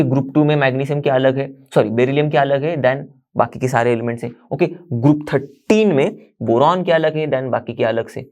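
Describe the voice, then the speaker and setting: A man's voice: medium pitch, darkish tone. A man teaching a chemistry lesson, standing at a board. He explains step by step, mixes English terms into his Hindi and keeps checking in with the class. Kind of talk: classroom lecture.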